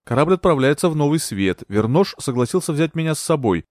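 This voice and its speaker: A man playing a young gentleman accused of murder, pleading and indignant. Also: on the high side, big pitch swings, a little fast, no room sound, clean studio sound.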